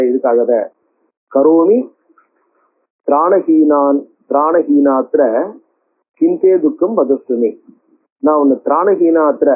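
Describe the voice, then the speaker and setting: An older man, a Sanskrit scholar, giving a verse-by-verse scripture commentary. He chants each verse slowly, then explains it in relaxed conversational speech with some English words mixed in. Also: a little high, husky. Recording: tinny phone-like audio.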